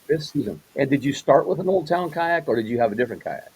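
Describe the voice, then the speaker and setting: A man's voice: mid-range voice, lively intonation, fast, a little mellow, a little hiss or hum, rough recording. A man hosting a casual interview, rambling a little, often repeating words and restarting his questions. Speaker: host.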